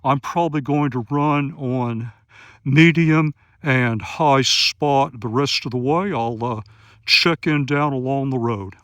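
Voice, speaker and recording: A man in his sixties talks through a night trail exercise in a steady, methodical way, pausing often with "uh" fillers. His voice sits in a middle pitch and is a little winded from running. The sound is dry, with no room echo. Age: 60s. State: out of breath after running. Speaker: gear reviewer and search-and-rescue volunteer. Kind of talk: outdoor field vlog narration. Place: outdoors on night trails in grasslands.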